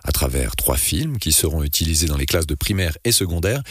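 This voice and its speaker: A man's voice: very deep voice, expressive, fairly quick, slightly rough, no room sound, studio quality. A man, a radio host interviewing a guest, speaking with frequent fillers. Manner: hesitant, many fillers.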